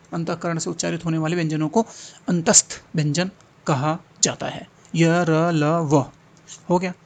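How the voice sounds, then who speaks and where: Gravelly tutor drilling exam questions. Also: male voice, a little high. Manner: thinks aloud, repeats sounds and options, coaxes students to answer. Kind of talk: online exam-prep lesson.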